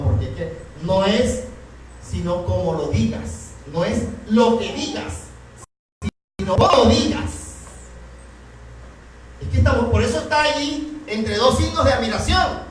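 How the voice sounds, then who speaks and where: Impassioned high-voiced pastor in echoey hall. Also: male voice, measured pace, pauses often, slight background noise. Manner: impassioned, keeps asking the congregation if they are listening. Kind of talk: sermon. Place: church hall. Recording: very echoey hall, mic far off.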